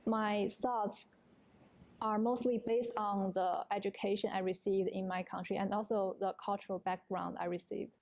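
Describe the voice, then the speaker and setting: A nineteen-year-old woman from China whose first language is Chinese, answering interview questions in a thoughtful, measured way. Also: medium pitch, level tone, darkish tone. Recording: faint background noise.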